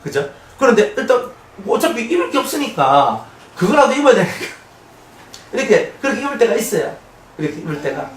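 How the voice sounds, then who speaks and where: A male pastor preaches in a lively, high-pitched voice that swings widely and keeps asking the congregation questions. He is picked up from a distance in an echoey church, with a faint hiss behind him. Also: brisk. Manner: animated, conversational, often laughing. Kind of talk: expository sermon. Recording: echoey room, mic at a distance, faint noise.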